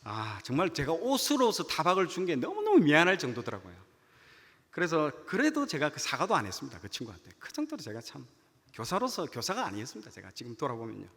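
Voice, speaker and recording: Animated preacher, man, high bright voice, echoing church hall. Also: quick pace. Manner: animated storytelling, acts out dialogue. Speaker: junior pastor. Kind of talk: sermon with personal story. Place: church sanctuary.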